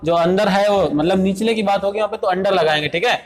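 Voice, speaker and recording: A man runs an exam-prep grammar lesson. His voice sits high, and he talks briskly, quizzing students as he goes. He reads the sentences out slowly and explains them fast. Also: a crowd in the background. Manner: brisk, repeats "देखो भाई" and quizzes students. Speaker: English teacher.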